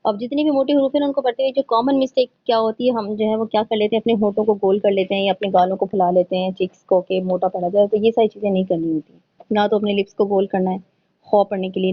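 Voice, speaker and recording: A woman's voice: medium pitch, flat delivery. Patient woman teaching recitation, lo-fi audio. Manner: patient, explaining step by step, mixing in English words. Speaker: tajweed teacher. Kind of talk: online Quran recitation lesson.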